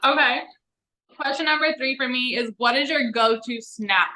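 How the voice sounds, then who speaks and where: A woman's voice: high voice, moderate pace, bright, forceful tone, poor audio. A young woman in a casual Q&A chat with a friend, speaking informally with slang and lots of "like". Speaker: vlog co-host.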